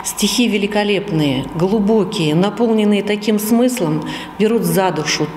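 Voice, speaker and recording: A woman's voice: medium pitch, normal speed. A middle-aged woman speaking in a gallery, reciting verse or giving interview remarks. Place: gallery room, indoors. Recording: echoey hall with faint noise.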